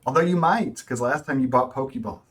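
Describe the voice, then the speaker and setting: A man's voice: medium pitch, fairly quick. A man hosting a casual group podcast chat, with an echoing, tunnel-like sound to his voice. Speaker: podcast host. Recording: distant, echoing tunnel-like mic.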